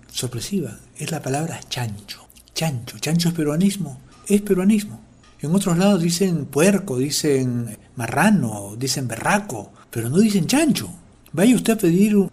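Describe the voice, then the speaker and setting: A man's voice: fairly high pitch, darkish tone, slightly rough. A man with a Peruvian Spanish accent hosting a language segment and explaining words in a playful way. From Peru. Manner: playful, acts out everyday quotes. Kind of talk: explanatory talk.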